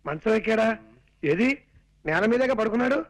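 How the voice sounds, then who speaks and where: An actor playing a cheeky young student who jokes sarcastically in film comedy dialogue. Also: male voice, sits high, expressive, brisk, low-quality recording. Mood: wry. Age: young adult. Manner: wisecracking, sarcastic.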